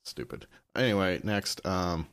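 A man's voice: sits low, expressive, a little slow, a bit bright, smooth. A man co-hosting an anime podcast, rambling with restarts and dry sarcasm. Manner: rambling, self-interrupting, sardonic. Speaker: podcast co-host. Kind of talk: casual podcast chat.

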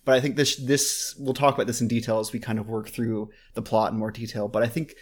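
A man's voice: medium pitch, little pitch movement, fast. A man co-hosting a podcast in casual chat, rambling with frequent restarts and fillers. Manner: rambling, with many restarts and laughs. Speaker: podcast co-host.

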